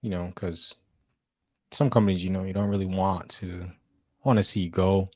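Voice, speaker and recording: Deep-voiced easygoing young man. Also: steady tone, normal speed, darkish tone, no room sound, studio quality. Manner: short, easygoing replies. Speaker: podcast co-host. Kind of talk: casual car chat.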